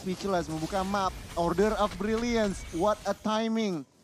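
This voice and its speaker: A man's voice: sits high, a little slow, slight background noise. A man with an Indonesian accent doing live esports play-by-play like a dramatic fighting game announcer, dropping English catchphrases. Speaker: esports shoutcaster. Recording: background music under the voice.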